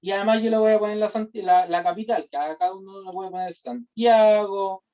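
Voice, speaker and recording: The lecturer, a Chilean-accented man, explains data modeling step by step in a high voice with a dark tone, speaking fairly quickly. Almost every sentence ends with a "¿ya?" or "¿cierto?" check. The class recording sounds distant, dull and lo-fi.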